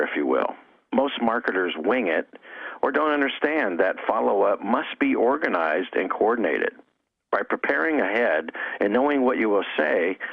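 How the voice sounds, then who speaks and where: A network marketing coach and trainer answers interview questions in an instructional way, his voice fairly low and creaky. The lo-fi audio sounds dull and dry, with no echo.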